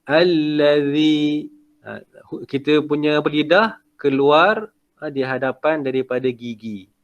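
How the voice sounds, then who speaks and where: Lelaki Malaysia bersuara jernih agak tinggi. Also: male voice, a little high, a little slow, a bit bright, muffled recording. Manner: patient, corrective, chants verses melodically then explains. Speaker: Quran recitation teacher. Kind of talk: online recitation lesson.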